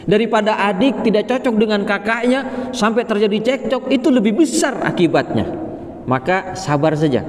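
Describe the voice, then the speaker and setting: Man preaching in an echoing mosque. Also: moderate pace. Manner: lively, rising pitch for emphasis, Arabic quotations. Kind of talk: mosque sermon. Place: mosque hall. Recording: long hall reverb.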